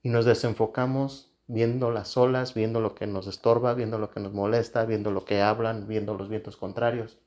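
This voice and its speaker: A man's voice: fairly low pitch, flat delivery, moderate pace, few pauses, a little mellow, muffled recording. A man, a pastor, preaching a sermon in an earnest way, repeating phrases for emphasis.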